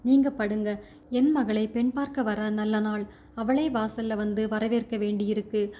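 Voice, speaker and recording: A woman's voice: mid-range voice, steady tone, unhurried, warm tone, close to an everyday voice. A woman voicing a bedridden old father who pleads tenderly with his daughter, read aloud in a storybook telling. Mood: pleading.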